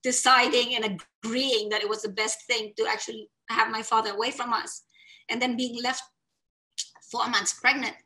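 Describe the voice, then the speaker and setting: In a small room against a plain wall, a webcam captures a woman in her forties from the Philippines telling her own story at an online summit, in low recording quality. Her voice is a little high, and she comes across as earnest and expressive, gesturing with her hands.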